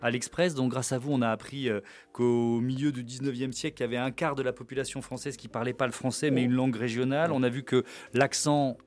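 A man's voice: medium pitch, steady tone, quick pace. A man hosting a radio talk show, chatty and anecdotal, with hesitations. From Paris. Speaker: radio host.

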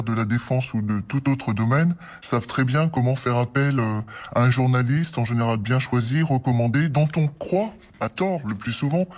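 An anonymous man in a recorded interview excerpt, his voice disguised with a voice changer, speaking haltingly with frequent filler pauses. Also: medium pitch, a little mellow.

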